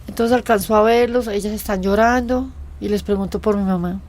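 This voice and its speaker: A woman in an interview, telling her own story in a lively way and acting out what people said. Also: mid-range voice, fairly quick, slight background noise.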